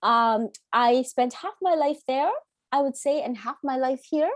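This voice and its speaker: A woman, a teacher chatting earnestly as a podcast guest, often pausing on "um". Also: sits high, dry recording, studio quality. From Canada. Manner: warm, earnest, with frequent "um" fillers. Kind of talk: casual interview chat.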